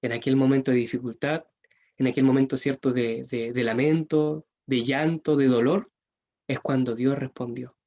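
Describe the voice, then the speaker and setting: A man with a Chilean accent preaching a sermon, earnest, rising in pitch and force when he appeals to parents. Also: steady tone, moderate pace, warm tone, lo-fi sound.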